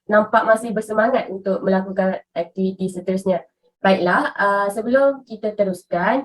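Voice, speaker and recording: A woman's voice: mid-range voice, distant mic, low-quality recording. A woman teacher, steadily giving classroom instructions. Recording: voice a little off-mic.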